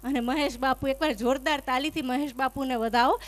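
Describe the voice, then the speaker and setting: A woman comedian tells stories on stage through a microphone, with a high-pitched voice. She has a chatty, teasing delivery, and faint music plays under her. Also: fairly even intonation, a little fast. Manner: chatty, teasing, acts out dialogue. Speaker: stand-up comedian. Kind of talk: live stand-up storytelling. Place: stage before a live audience.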